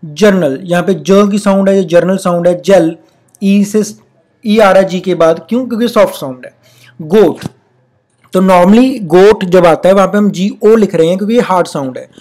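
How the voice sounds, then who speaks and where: A teacher gives a spelling lesson, reading rules slowly and deliberately, repeating example words, and explaining at a patient, steady pace. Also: mid-range voice. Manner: reads English rules out slowly and deliberately, then explains in Hindi. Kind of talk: recorded classroom-style lesson.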